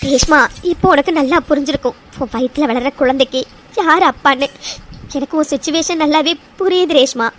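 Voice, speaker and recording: A kind young cartoon woman, soft and persuasive, as a woman voices her. She speaks in a very high voice and coaxes gently. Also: brisk, slight background noise, natural voice. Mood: coaxing. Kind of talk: cartoon voice acting.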